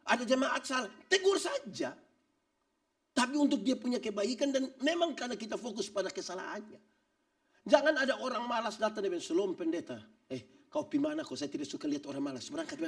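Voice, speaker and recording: A male pastor preaches in a church, his high voice leaping up and down as he acts out scenes and cracks jokes. He sounds a little off the mic, with the church space coming through. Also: far from the mic. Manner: animated preaching with acted-out quotes and jokes. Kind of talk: sermon.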